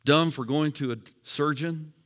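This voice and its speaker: A middle-aged male pastor preaching a sermon, swinging from hushed storytelling to shouted calls for praise. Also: a little high, fairly even intonation, unhurried.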